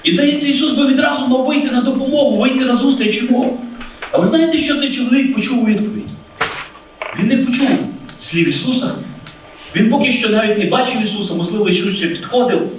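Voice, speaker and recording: A man's voice: very high-pitched, quick pace, heavy reverb, distant mic, slight background noise, poor audio. A man preaching a sermon in an earnest way, calling his listeners friends and acting out the voices he quotes.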